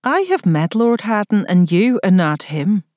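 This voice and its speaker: A defiant young gentlewoman, played by a woman narrator who speaks with a thick accent and a sharp, commanding edge. The pitch ranges widely in storybook style. The sound is close and dry, with no room in it. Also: sing-song, unhurried, no echo.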